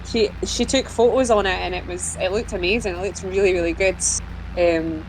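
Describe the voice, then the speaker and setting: A woman's voice: lowish voice, fairly even intonation, moderate pace, slight background noise, poor audio. A woman chatting casually while gaming, telling stories with fillers and restarts. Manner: chatty storyteller, hesitant with fillers. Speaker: co-player on a farming sim stream. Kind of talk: casual chat.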